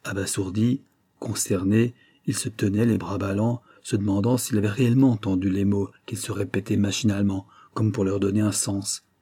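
A man reads a classic novel aloud with a measured, expressive delivery. His voice sits low and has a husky grain. The tone is dark and mellow. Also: no echo, clean studio sound. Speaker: narrator. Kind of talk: audiobook narration of a classic novel.

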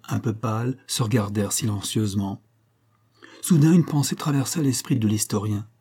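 A man reading a story aloud in measured narration, raising his voice for the characters' quoted lines. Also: on the low side, warm tone, breathy edge. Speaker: audiobook reader. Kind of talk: scripted narration.

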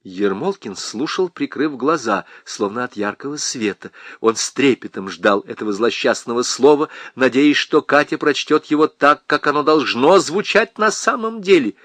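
A man's voice: medium pitch, lively intonation, normal speed, few pauses, fairly bright tone, no echo. A man reading an audiobook aloud with theatrical expression on a close studio mic. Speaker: audiobook narrator. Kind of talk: scripted audiobook narration.

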